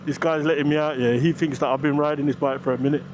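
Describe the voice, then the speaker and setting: A man's voice: on the high side, fast. British man vlogging over wind and engine noise. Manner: slangy, excitable exclamations. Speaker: motorcycle vlogger. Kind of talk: casual riding commentary, thinking aloud. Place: outdoors, riding a motorcycle on the road. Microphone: action camera microphone while riding. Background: motorcycle engine and traffic noise.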